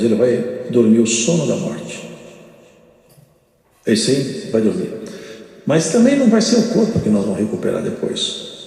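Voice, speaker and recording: Gravelly older Brazilian preacher in echoey hall. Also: male voice, medium pitch, mellow. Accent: Brazilian Portuguese. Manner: emphatic, repetitive, with sudden rises and drawn-out phrases. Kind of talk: sermon. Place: large church hall. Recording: echoey church hall with long reverb.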